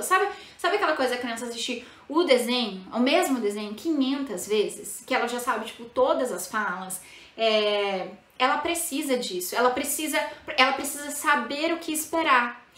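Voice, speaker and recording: A woman's voice: high voice, fairly quick, sharp tone, roomy sound. A Brazilian woman with a Brazilian Portuguese accent, explaining bilingual parenting to parents in a chatty, casual way, full of tag questions and fillers.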